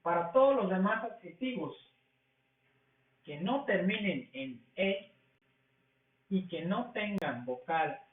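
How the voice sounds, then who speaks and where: A man teaching a language class, explaining rules slowly and asking questions that he answers himself. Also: sits high, lively intonation. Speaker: English teacher. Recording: tinny, echoey, from far off the mic.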